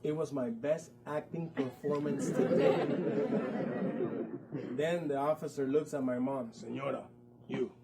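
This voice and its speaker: A man's voice: a little high, steady tone, a little slow, over a noisy crowd, very noisy. A man narrating his own story in a one-man stage show, vivid and with wry asides. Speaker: performer.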